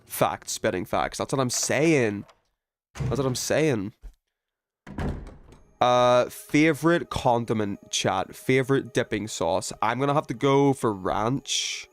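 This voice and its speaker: A British man livestreams a game, chatting casually with viewers at a slow pace in a medium-pitched voice. He comes across as emphatic and opinionated, and he swears freely.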